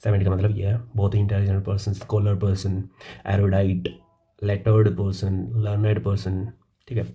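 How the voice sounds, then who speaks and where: A man teaching English vocabulary, explaining words casually in Hindi and reading English definitions slowly. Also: lowish voice, completely flat delivery, dark tone. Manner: calls listeners "भाई".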